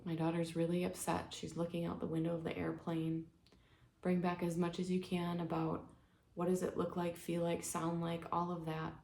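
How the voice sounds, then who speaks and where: A woman leading a guided healing exercise, speaking in a gentle, soothing way, step by step. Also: fairly low pitch, monotone, normal speed, gravelly. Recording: echoey room with faint ambience.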